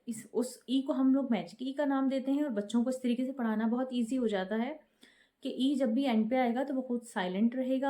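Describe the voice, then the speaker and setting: A woman teaching children's phonics in a video lesson, sounding out letters slowly and patiently. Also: a little high, dark tone.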